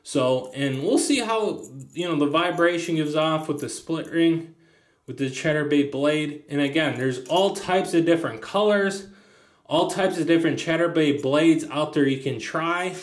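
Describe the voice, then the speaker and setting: A man's voice: a little high, unhurried. Rambling man in an echoey room. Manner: rambling, lots of ums and restarts. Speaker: fishing channel host. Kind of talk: casual tabletop lure demo. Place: indoors at a tabletop, hands on camera.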